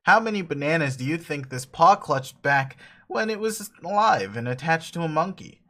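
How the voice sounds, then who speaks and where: Male reader as a sardonic teen girl, measured and dry, slightly high voice. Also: expressive, sharp tone.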